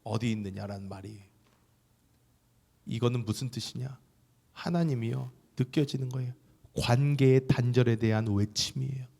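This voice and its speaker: A male pastor preaching a sermon with animated delivery, sometimes shouting out loud cries. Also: medium pitch, moderate pace, gravelly, long pauses, in a large hall. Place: church sanctuary.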